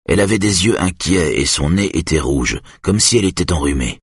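Very deep-voiced, husky male narrator. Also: expressive, a little fast, no room sound, studio quality. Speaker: audiobook narrator. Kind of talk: scripted first-person narration.

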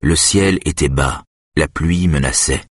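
A man narrating a novel in a measured, subdued way. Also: a bass voice, slightly rough, no echo, studio quality. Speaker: audiobook narrator. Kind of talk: literary narration.

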